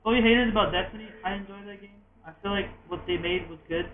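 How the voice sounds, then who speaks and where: A man co-hosting a podcast, chatting excitedly about games and acting out lines. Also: high voice, fast. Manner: excited, acts out game lines. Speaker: podcast co-host. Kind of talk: casual gaming chat. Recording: echoey room, phone-like audio.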